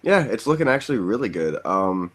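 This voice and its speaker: A man's voice: lowish voice, big pitch swings, brisk, fairly bright tone. A man in his twenties co-hosting a podcast, chatting in a laid-back, joking way. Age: 20s. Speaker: podcast co-host. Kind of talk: casual chat.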